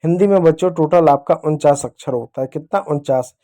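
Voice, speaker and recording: A man with a slightly high, dark-toned voice speaks fairly quickly as he teaches beginners to read Hindi. Using a pen at a board or screen, he talks to his viewers as though they were children and patiently goes over key points again.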